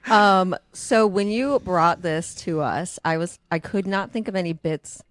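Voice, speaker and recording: A woman's voice: lowish voice, measured pace. A young woman co-hosting a podcast, chatting casually in a giggly, playful way. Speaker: podcast co-host. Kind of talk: casual chat.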